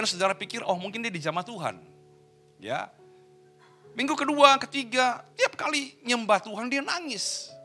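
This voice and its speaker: A male pastor preaching a sermon, telling a story in a lively way and often addressing listeners as brothers and sisters. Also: high-pitched.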